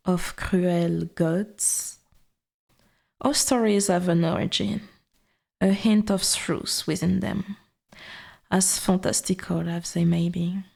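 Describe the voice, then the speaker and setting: In an ASMR roleplay, a woman voices an ancient, dominant forest god, using formal, archaic wording. Her lowish, exaggerated voice comes out as a breathy half-whisper laced with quiet menace.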